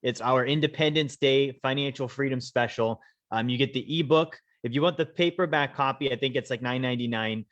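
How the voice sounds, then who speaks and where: A man from Alaska hosting a webinar, talking in a measured way, slowing down to stress key points with frequent "okay?". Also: medium pitch, a bit bright, lo-fi sound. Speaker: host, wealth coach. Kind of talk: casual webinar presentation.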